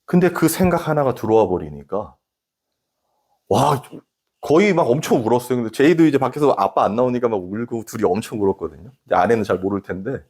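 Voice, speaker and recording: Male pastor, 40s, sermon delivery: lively swooping pitch, direct questions to the congregation, emphatic bursts and soft drops. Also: a little fast, husky. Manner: animated preaching, rising emphatic peaks, drops to hushed asides.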